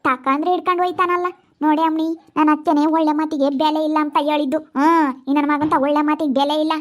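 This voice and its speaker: A woman's voice: high voice, level tone, quick pace, close to an everyday voice. A woman playing a desperate young wife who pleads to stay. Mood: pleading. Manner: pleading, tearful. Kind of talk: amateur family drama skit.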